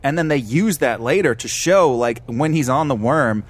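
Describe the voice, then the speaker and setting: A man's voice: mid-range voice, expressive, moderate pace. A man in a casual film discussion, talking animatedly and swearing freely.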